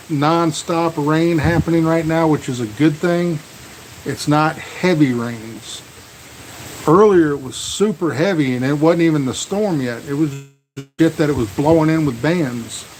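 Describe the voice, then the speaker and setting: Standing near a truck in the rain, an American man hosts a casual live storm vlog, talking in a folksy, rambling way and repeating himself. His voice is a little high, and the audio is poor with slight background noise.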